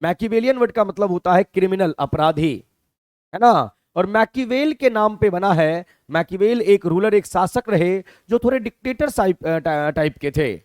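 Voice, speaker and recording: Lively, high-voiced male teacher. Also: no room sound, clean studio sound. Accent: Hindi. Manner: explains step by step, checks with "clear?". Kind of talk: classroom lecture.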